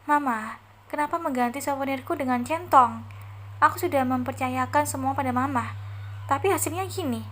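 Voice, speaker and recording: A woman voicing a spoiled, indignant young bride who complains in a raised, higher voice. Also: fairly quick, a bit bright. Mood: whiny.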